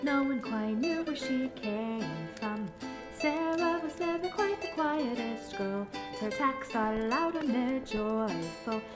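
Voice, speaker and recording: A young woman plays a traveling bard in a fantasy audio roleplay, slowly singing folk ballads in a fairly high voice with lively intonation and a playful, storytelling mood. Plucked instrument music plays behind her in a roomy, echoing space.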